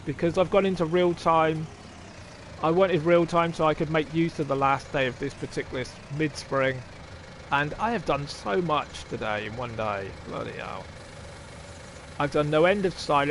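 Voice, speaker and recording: While playing a farming game on stream, a man chats with his viewers, thinks out loud and curses casually. His voice is a little high and a bit bright, with slight background noise.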